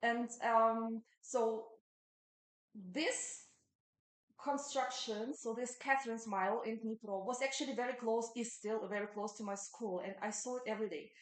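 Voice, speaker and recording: A woman in her thirties from Ukraine, giving an academic conference talk in a halting way, full of ums and uhs. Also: a little high, steady tone, echoey room, low-quality recording. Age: 30s. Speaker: conference presenter.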